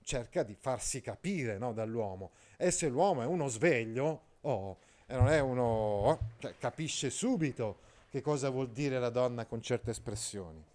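A man's voice: medium pitch, lively intonation, measured pace, a little mellow. A man reading a novel aloud and explaining it in a chatty, conversational way, often checking in with his listeners. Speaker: literature teacher.

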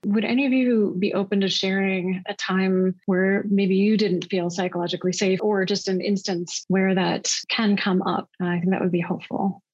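Woman host asking the panel stuff, gentle, husky, dull dry sound from off mic. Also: mid-range voice, steady tone, normal speed, few pauses, no echo. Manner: gentle, inviting questions. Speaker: podcast host, moderator. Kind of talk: moderating a panel.

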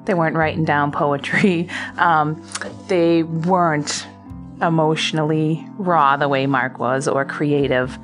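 A woman with a Boston accent tells stories in an animated way and often laughs. Her voice sits low for a woman. Faint music plays behind her. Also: takes it slowly. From South Boston. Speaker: interviewee. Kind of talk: casual interview.

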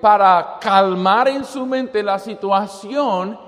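A man's voice: high-pitched, takes it slowly, a bit bright, big-room sound. A man preaching as a missionary, telling a made-up story with many fillers and restarts and acting out the quotes.

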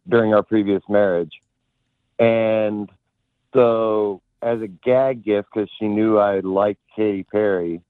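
A male caller comes through a tinny phone line, telling a long story in a rambling way with many fillers. His voice is fairly low. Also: dry recording. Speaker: radio caller. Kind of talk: call-in storytelling. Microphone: telephone.

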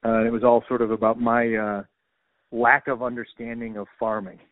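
A man's voice: mid-range voice, level tone, moderate pace, no room sound. A male comedian from the Midwest, chatting in a rambling, self-deprecating way with lots of restarts, over a phone line. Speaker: stand-up comedian. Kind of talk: casual phone conversation. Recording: dry tinny phone line.

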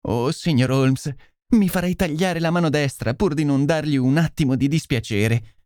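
A male reader puts on a young noblewoman in distress, her voice pitched high above his own. She begs and confesses in a breathless, imploring rush, and it is read close to the mic in a dry booth. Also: normal speed, a little mellow, no room sound, close to an everyday voice. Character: desperate noblewoman, young, pleading and tearful. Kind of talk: audiobook character voice.

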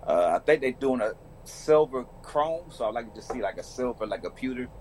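A man's voice: medium pitch, expressive, moderate pace, a little mellow, a little hiss or hum, low-quality recording. A man, a podcast guest talking in a laid-back, colloquial way. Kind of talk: casual chat.

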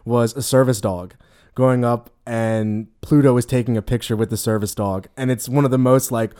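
A man co-hosting a casual podcast, telling behind-the-scenes stories in an animated, quick, filler-heavy way. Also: medium pitch, smooth. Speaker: podcast co-host, former costumed character performer.

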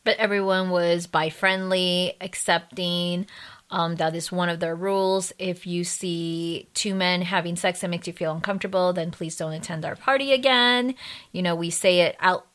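A woman's voice: fairly low pitch, fairly even intonation, normal speed, fairly bright tone, clear, resonant tone. A woman co-hosting a podcast in casual chat, jumping in to finish her partner's sentences. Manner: chatty, jumps in to finish his sentences. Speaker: podcast co-host.

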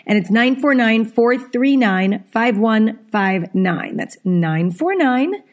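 A woman co-hosting a podcast in chatty, casual talk, quick to laugh. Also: a little high, lively intonation. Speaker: podcast co-host. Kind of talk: casual chat.

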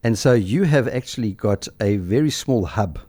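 A man's voice: fairly low pitch, animated, normal speed, dark tone, dry recording, clean studio sound. A man with a South African accent hosting a conversational business interview, chatty and informal, checking back with questions. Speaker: interview host.

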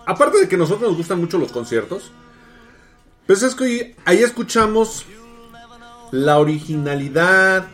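Animated, chatty co-host. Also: male voice, sits high, moderate pace, pauses often, faint music behind. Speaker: podcast co-host. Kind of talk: casual chat.

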